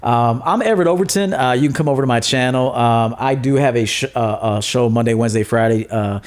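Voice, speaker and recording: A coach appearing as a podcast guest gives blunt advice in a loose, repetitive way full of fillers. His voice is mid-range and fairly quick, suited to the casual interview.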